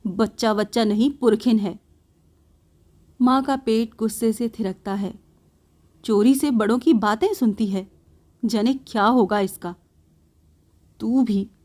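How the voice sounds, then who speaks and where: A woman reading a literary story aloud in the first person, in a slow, soft narrating manner. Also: on the high side.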